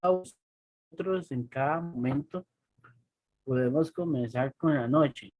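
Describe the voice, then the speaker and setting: A man in a book club discussion whose video call audio keeps breaking up, speaking in halting, broken-off phrases. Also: a little high, no echo, muffled recording. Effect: choppy video call audio breaking up. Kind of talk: casual group discussion.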